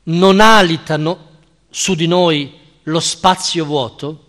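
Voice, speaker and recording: A male lecturer reading aloud the lines of a frantic man who cries out that God is dead, declaiming them in loud, impassioned questions. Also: fairly high pitch, steady tone, slow pace. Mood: anguished. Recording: reverberant lecture hall.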